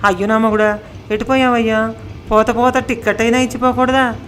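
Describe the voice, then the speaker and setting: A woman voicing a frantic, sharp-tongued middle-aged wife who scolds and wails loudly in a storybook tale. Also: flat delivery, fairly quick, slight background noise, close to an everyday voice. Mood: wailing. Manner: loud, shrill scolding and wailing.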